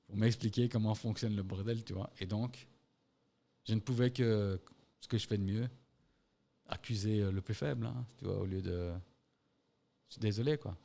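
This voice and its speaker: A man's voice: on the low side, vocal fry, dark tone. A man telling anecdotes in a loose, casual chat, swearing freely and imitating other people. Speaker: podcast co-host.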